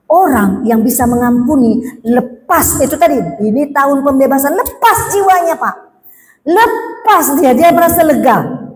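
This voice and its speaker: Woman preacher, highish voice, storytelling sermon, acted-out dialogue. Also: expressive, normal speed, in a large hall, slight background noise, low-quality recording. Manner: acts out dialogue, shifts between hushed and raised voice.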